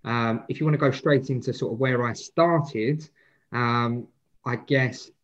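With a steady, mid-range voice and a slightly slow delivery, this Essex-accented man in his twenties gives casual answers as a podcast guest. He's a wealth manager from Essex, England, and he tends to hesitate and rephrase. High frequencies are missing from the audio.

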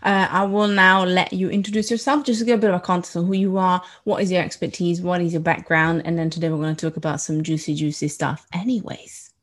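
A woman's voice: fairly low pitch, little pitch movement, fast, few pauses. A woman hosting a marketing podcast, introducing an episode and her guest in an upbeat, chatty way. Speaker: podcast host.

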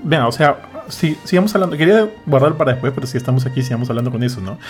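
A man chatting casually as a podcast host, lively and slangy, acting out what others say. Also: mid-range voice, racing, soft background music. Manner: animated, acts out quotes with slang. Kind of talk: casual chat.

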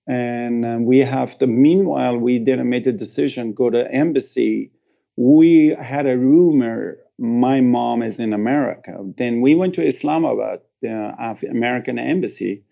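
A middle-aged man from Afghanistan recounts a personal story in an interview, speaking haltingly with broken phrasing and emotional pauses. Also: mid-range voice, gravelly, dark tone, muffled recording. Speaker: guest.

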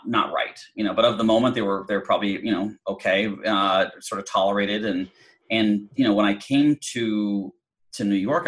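A man's voice: on the low side, fairly bright tone, rough recording. A middle-aged man telling a personal story in an interview, chatty, with many fillers and restarts. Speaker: guest.

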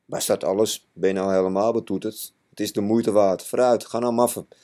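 A man voicing a kind-hearted, plucky young farm boy in a storybook reading, brisk and teasing. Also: fairly low pitch, fairly even intonation, dark tone, natural voice.

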